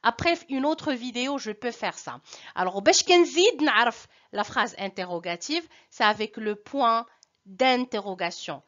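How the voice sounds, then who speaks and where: Moroccan lady teaching french, lively voice, slow on the key words, kinda muffled audio. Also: on the high side. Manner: switches between French and Moroccan Arabic, slow deliberate stress on key terms. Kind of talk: language lesson.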